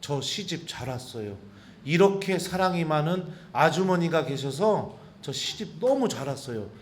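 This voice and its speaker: Young pregnant sister-in-law, tearful and heartfelt, quoted by a male speaker; soft, pleading delivery. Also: fairly high pitch, moderate pace, slight background noise, voice pushed up, lightly acted. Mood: tender.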